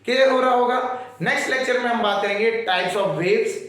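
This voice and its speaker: A man's voice: very high-pitched, normal speed, a bit bright. A man teaching a science class, explaining patiently and often checking whether his students follow, with terms. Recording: very echoey room.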